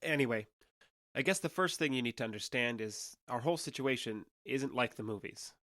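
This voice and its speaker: In an audio drama, a man plays an awkward, candid young alien trader passing as human, explaining things in an earnest, conversational, slightly hesitant way. His medium-pitched voice is brisk, fairly bright, and close to everyday speech. The recording is studio quality with no room sound.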